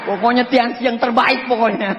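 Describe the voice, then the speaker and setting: A young man from Indonesia giving an animated motivational talk, telling a story and acting out both sides of it. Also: extremely high pitch, fairly quick, a little hiss or hum. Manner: acts out both sides of the story, laughing, shouting quoted lines. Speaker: motivational speaker. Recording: echoey hall, dull sound.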